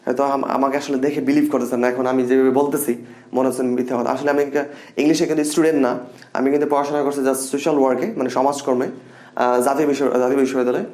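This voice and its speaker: Lively young male teacher, casual lesson tone, roomy echo. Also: mid-range voice, fast. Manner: animated and expressive, repeats example sentences. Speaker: English teacher. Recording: echoey room.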